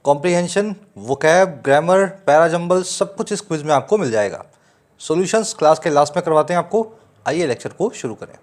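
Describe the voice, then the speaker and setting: A man's voice: on the high side, animated. A man with an Indian accent teaching English newspaper vocabulary, explaining terms step by step and checking that students follow. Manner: reads quoted English slowly. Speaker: English tutor. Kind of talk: Hinglish newspaper lesson.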